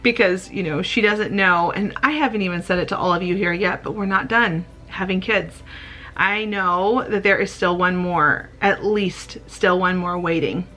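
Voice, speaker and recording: A woman's voice: lowish voice, moderate pace, bright, forceful tone, soft background music. A woman in her late thirties talking candidly and a little rambling in a personal vlog, open and tender with small laughs. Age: late 30s. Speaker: vlogger.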